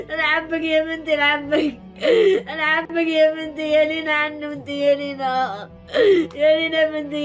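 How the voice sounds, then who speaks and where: An Algerian woman crying bitterly as she pleads desperately and repetitively in an emotional appeal recorded on a phone. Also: high-pitched. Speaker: mother pleading to her missing daughter. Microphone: phone at arm's length.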